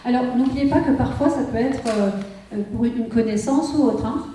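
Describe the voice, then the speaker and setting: Speaking at a moderate pace in a mellow, somewhat high voice, a woman medium does a live reading before an audience in a conference hall. She keeps checking in with "hein" and "vous comprenez". The mic sits far from her in the roomy hall, and there's a little hiss or hum.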